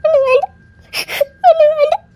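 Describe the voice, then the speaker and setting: A woman's voice: very high voice, steady tone, a little fast, highs cut off. A woman voicing a timid, frightened young wife with a Tirunelveli Tamil accent, in a web-series drama. She sobs and speaks hesitantly. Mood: crying. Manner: sobbing, hesitant.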